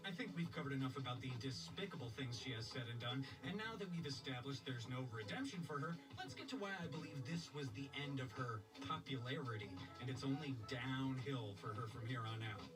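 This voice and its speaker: A man's voice: mid-range voice, lively intonation, fairly quick, few pauses. A man narrating an opinion commentary video. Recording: slightly distant, music underneath.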